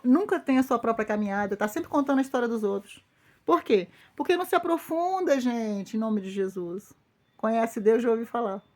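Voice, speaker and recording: A Brazilian woman pastor delivers an informal sermon in a somewhat high voice. She speaks emphatically, repeats her phrases for weight and turns to her listeners directly. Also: expressive, normal speed. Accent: Brazilian Portuguese.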